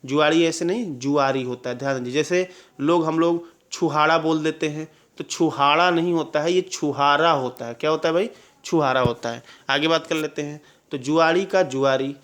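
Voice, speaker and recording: Man drilling exam spelling points. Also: a little high. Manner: drills answers with repeated questions and "clear?" checks. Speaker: exam-prep teacher. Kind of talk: Hindi spelling lesson.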